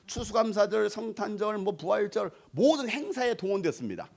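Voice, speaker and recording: Lively, high-voiced Korean pastor preaching. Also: male voice, fairly quick, gravelly. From Korea, North Jeolla. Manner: animated and playful, sings snatches of song and acts out voices; jokes with the congregation and asks them to raise hands. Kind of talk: revival sermon with storytelling. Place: church sanctuary.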